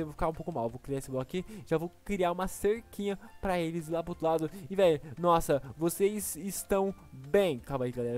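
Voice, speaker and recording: A man with a Brazilian accent giving excited, exclaiming gameplay commentary as a gaming YouTuber. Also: high voice. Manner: excitable, exclaiming, laughs often.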